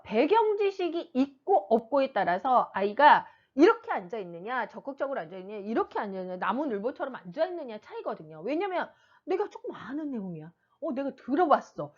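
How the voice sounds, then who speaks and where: Middle-aged woman, parenting teacher, casual explaining, fairly high voice, slightly dull lo-fi sound. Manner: animated, acts out children and mothers in quick asides. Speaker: reading teacher giving parenting advice.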